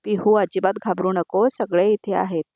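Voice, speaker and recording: Woman doing a calm young woman, soft and soothing, dry. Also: medium pitch, normal speed, no room sound, close to an everyday voice.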